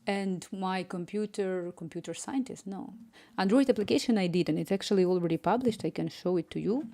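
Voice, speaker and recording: Her mid-range, dark-toned voice runs a little fast, carrying a Ukrainian accent with some Spanish influence. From a room at home, this app developer streams live while coding, chatty and easily distracted, voicing chat messages and murmuring to herself.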